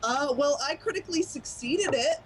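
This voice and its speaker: A woman's voice: sits high, expressive, moderate pace, poor audio. A woman playing a tabletop game, talking about her character in a chatty, hesitant way. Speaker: player. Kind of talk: casual tabletop role-play. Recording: noticeable background noise.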